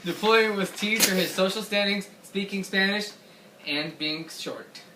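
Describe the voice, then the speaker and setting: A man's voice: high-pitched, unhurried. Man, mock news anchor, casual, giggly reading, roomy echo, distant mic. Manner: casual, laughing while reading. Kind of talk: school-project mock newscast. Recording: echoey room, far from mic, background noise.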